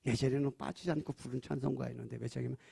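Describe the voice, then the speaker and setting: A male pastor preaching a sermon at a church prayer service. He asks the congregation questions and swings between loud, emphatic lines and soft, hushed ones. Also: mid-range voice, fairly even intonation, rapid-fire, creaky, husky.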